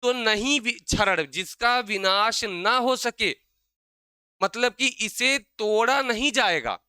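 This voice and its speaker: Bright, crisp-voiced male teacher. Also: sits high, no echo. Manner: repeats questions and answers them himself; slows down to spell out sounds. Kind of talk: exam-prep grammar lesson.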